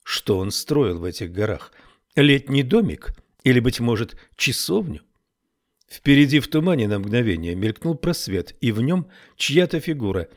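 Man, audiobook narration, measured reading, mid-pitched voice. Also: big pitch swings. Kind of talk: scripted narration.

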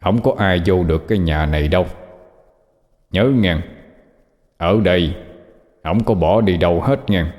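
A man doing a deep echoing ancestral spirit. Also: measured pace, pauses often, a little mellow. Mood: solemn. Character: protective male ancestral spirit, calm, solemn. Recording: long echoing reverb.

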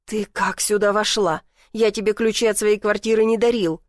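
A gruff, indignant male boss, as a woman reader puts him on, barking back in short bursts. It stays close to her own voice, recorded dry and close for an audiobook. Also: medium pitch, little pitch movement, normal speed, dry recording, natural voice. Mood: annoyed. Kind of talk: audiobook character voice.

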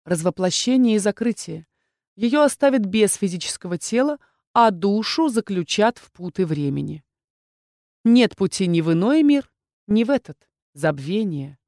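A woman's voice: medium pitch, very animated, moderate pace, darkish tone, no room sound, clean studio sound. Woman narrating a fantasy audiobook. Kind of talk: first-person scripted narration.

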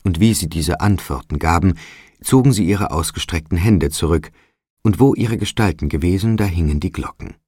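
A man reads a literary audiobook in a measured, dramatic way. His voice is very low and husky, and the recording is dry and close. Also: darkish tone, no echo. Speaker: audiobook narrator. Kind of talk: scripted literary narration.

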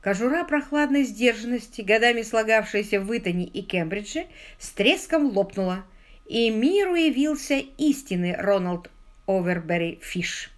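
A woman's voice: fairly high pitch, moderate pace. A woman reading a novel aloud as narrator, telling it expressively. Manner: expressive storytelling. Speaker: audiobook narrator. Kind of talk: audiobook reading.

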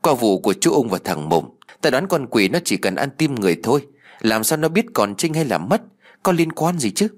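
A man's voice: mid-range voice, big pitch swings, fairly quick. A man doing a brooding young villager. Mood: sullen. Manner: terse and withdrawn. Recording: faint music behind the voice.

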